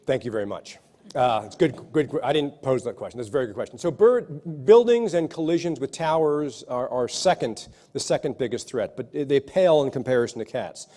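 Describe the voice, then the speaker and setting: After giving a lecture, an ecologist fields questions from the audience in the hall. His voice is medium-pitched, dark, and brisk with lively intonation, and he speaks earnestly, often restarting sentences.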